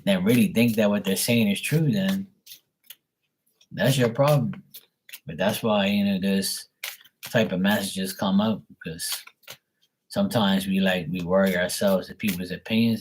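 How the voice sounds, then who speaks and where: On a live tarot stream, this man rambles bluntly, sharing strong opinions and swearing freely. His voice is deep and husky, with slight background noise in a rough recording.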